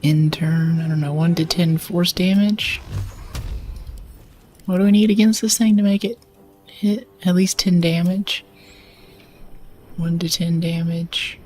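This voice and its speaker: Chatty woman streamer, lower voice. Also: steady tone, slow pace, long pauses, a little mellow, faint music behind. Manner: chatty, thinking aloud, filler-heavy. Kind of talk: casual gameplay commentary.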